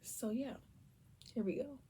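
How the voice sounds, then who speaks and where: A young woman giving a casual tarot reading to viewers, keeping her voice down and slipping between low talk and soft whispers. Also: measured pace, breathy edge. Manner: holds her voice down on purpose. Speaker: tarot reader.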